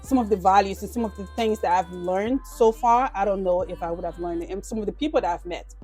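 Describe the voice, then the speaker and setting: A woman's voice: mid-range voice, fast talker, a little mellow, faint music behind. A woman in her thirties from Liberia, a business owner answering interview questions casually, with lots of "you know" fillers.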